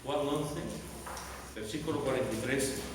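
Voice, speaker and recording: Pastor guy preaching, lots of repeating, big shouty bits, super echoey hall far off. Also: mid-range voice, unhurried, noisy background. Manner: dramatic, repeating phrases, shouting for emphasis. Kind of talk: sermon. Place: large echoey church hall.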